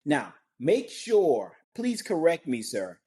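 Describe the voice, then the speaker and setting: A man's voice: a little high, wildly swooping pitch, slow pace, dark tone. A man hosting a podcast interview, introducing his guest with enthusiasm and asking questions. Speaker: podcast host.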